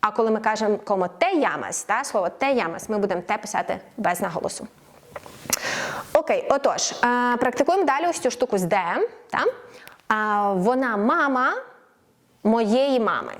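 Lady teaching spanish online, explains stuff then says the example phrases reeeal slow. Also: mid-range voice, animated. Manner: explains clearly, slows right down for example phrases. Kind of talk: online language lesson.

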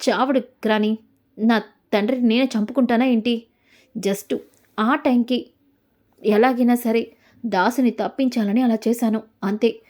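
A woman's voice: a little high, fairly even intonation, a little slow, long pauses, a little mellow, natural voice. A woman voicing a scheming young granddaughter who answers in a coolly defiant way.

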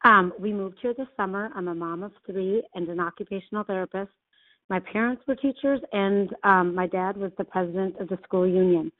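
A woman's voice: mid-range voice, brisk. A woman in her forties, a mother and occupational therapist, earnestly making a public comment by phone. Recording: tinny phone line.

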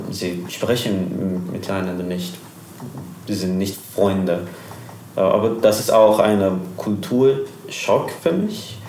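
A young man from Iran with a Persian accent, speaking German haltingly as an interview guest, searching for words with many fillers. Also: sits low, darkish tone, reverberant, a little hiss or hum.

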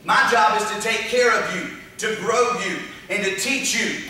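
Speaking at normal speed in a high-pitched, pushed, bright voice, a middle-aged pastor delivers a sermon full of emphatic, repetitive rhetorical lists. He's on a dark church stage with a projection screen, using a handheld mic, while a distant camera picks up the echoey church hall from far away.

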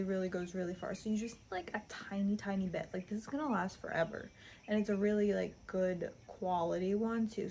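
A woman's voice: medium pitch, dark tone. Young female beauty vlogger, chatty and upbeat, casual review delivery, faint room hiss behind. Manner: chatty, upbeat, lots of fillers. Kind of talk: casual product review vlog.

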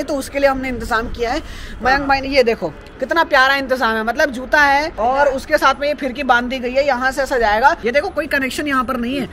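Excitable man vlogging outdoors. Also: very high voice, noisy background. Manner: animated, exclaims and repeats himself. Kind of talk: excited casual vlog commentary.

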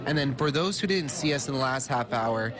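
A man's voice: mid-range voice, animated, a little fast, a crowd in the background. A young man reporting live for TV from a cafe, upbeat and chatty, on a handheld mic. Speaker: field reporter. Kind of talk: live TV food segment. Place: indoor cafe dining room. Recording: diners chattering behind.

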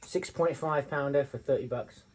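A man hosting his own channel, chatting casually and telling stories with lively pitch jumps while eating. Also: normal speed, breathy edge. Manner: animated storyteller with sudden pitch jumps. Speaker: channel host.

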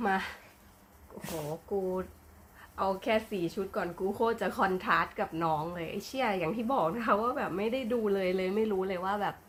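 A woman vlogger giving an excitable, casual reaction commentary, full of gasps and crude slang. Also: mid-range voice, brisk, a little hiss or hum.

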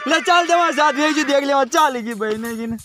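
A man's voice: very high-pitched, normal speed. A man playing a bossy village friend who nags and bickers over money. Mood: exasperated. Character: exasperated village friend, nagging about money. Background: background music.

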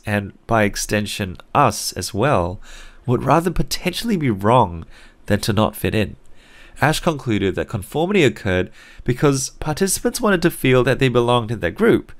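A young man raised in Singapore, who picked up an Australian accent as an adult, narrates a psychology video lesson as the teacher. His voice is lower and slightly deep with lots of rise and fall, and his delivery is clear and conversational with a light, wry edge.

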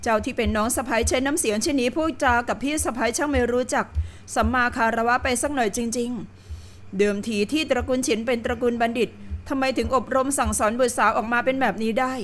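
Woman narrating a novel calmly. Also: fairly high pitch, fairly quick, slight background noise. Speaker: audiobook narrator. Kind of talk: scripted narration.

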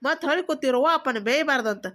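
A woman's voice: high voice, rapid-fire. A woman with a Belagavi Kannada accent voicing a bossy, scolding middle-aged mother-in-law in a cartoon comedy. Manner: loud, nagging, ordering about.

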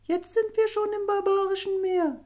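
A man voicing a tearful, gentle young mermaid princess in an audiobook, speaking softly and slowly. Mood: sorrowful. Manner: soft, high storytelling voice with slow, drawn-out phrases. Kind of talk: audiobook character voice.

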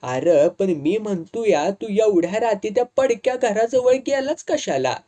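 A man reads a drunken village loafer in a storybook tale, sly and forever needling others. The voice is mellow and slightly high, with loose, mocking rustic speech. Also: animated, unhurried.

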